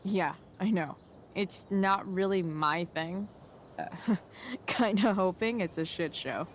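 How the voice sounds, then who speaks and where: A woman's voice: medium pitch, takes it slowly, a little hiss or hum, close to an everyday voice. A woman voicing a sarcastic, guarded teenage punk girl in a video game, with a casual, dry, hesitant drawl. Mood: casual, sheepish.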